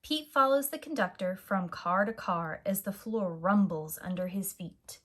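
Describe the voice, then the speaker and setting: A woman reading a children's picture book aloud as a teacher, in a deliberate, animated way for young listeners. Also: medium pitch, a little hiss or hum.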